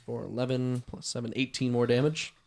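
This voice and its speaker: A man's voice: mid-range voice, level tone, a little fast, vocal fry, darkish tone, slight background noise. A man playing a tabletop game, talking bluntly and eagerly and swearing freely. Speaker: player. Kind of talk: casual tabletop game chat.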